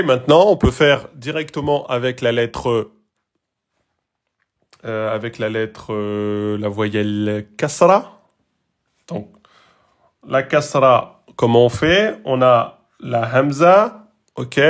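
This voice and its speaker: Slow, patient male Arabic teacher. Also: mid-range voice. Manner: slow, patient, repeats rules and models sounds. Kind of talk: online lesson.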